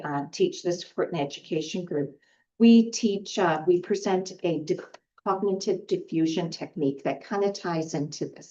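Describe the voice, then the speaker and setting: A woman facilitator teaching a skills lesson, guiding gently with fillers and restarts. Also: medium pitch. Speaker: group facilitator. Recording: dull lo-fi recording.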